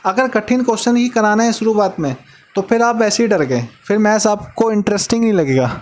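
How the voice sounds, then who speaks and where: A man's voice: high-pitched, brisk, a little mellow. A man teaching maths in a casual way, giving advice to students like an older brother and repeating words for emphasis.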